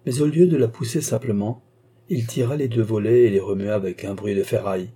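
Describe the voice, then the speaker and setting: A man reading a classic novel aloud as an audiobook narrator, in measured, even storytelling. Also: fairly low pitch, slightly rough. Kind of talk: scripted narration.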